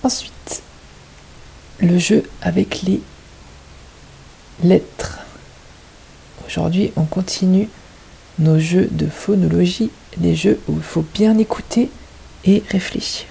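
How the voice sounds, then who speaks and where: A woman's voice: fairly low pitch, takes it slowly, creaky, pauses often, warm tone, breathy edge, rough recording. A woman teaching kindergarten children, patiently stressing each word and syllable. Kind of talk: teaching young children at home.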